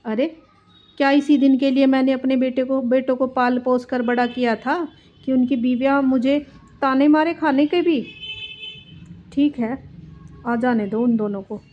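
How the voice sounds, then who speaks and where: Cartoon elderly mother-in-law, self-pitying and put-upon, high voice, dull lo-fi sound with faint music, voiced by a woman. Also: steady tone, moderate pace, natural voice. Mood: indignant.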